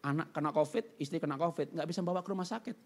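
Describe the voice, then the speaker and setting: A middle-aged man preaching a sermon testimony, telling his story with animated swings from loud outbursts to hushed pleading. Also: a little high, rapid-fire.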